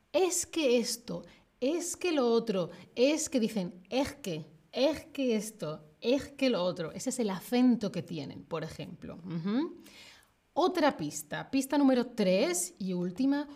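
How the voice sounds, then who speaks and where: Southern spanish lady teacher, slightly high voice, slow and clear, repeats stuff a lot. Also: lively intonation, darkish tone. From southern Spain. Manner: slow, clear, repeats clues, laughs often. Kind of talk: live online Spanish lesson.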